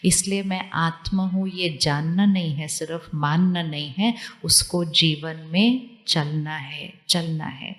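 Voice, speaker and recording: A woman giving a spiritual talk to a live audience, calmly repeating questions to her listeners. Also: sits low, slow pace, few pauses, long reverb tail. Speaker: spiritual teacher.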